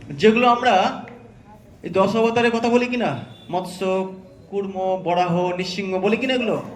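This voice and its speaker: A man teaching a religious class, quizzing the students and checking often that they follow. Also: sits high. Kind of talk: interactive scripture class. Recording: echoey hall with crowd.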